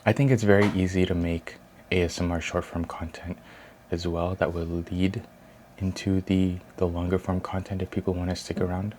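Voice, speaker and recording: A young man chatting softly and casually for an ASMR video at home, rambling and thinking aloud. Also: deep voice, level tone, normal speed, slight background noise. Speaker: ASMR creator. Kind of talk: soft casual ASMR chat. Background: construction and room ambience.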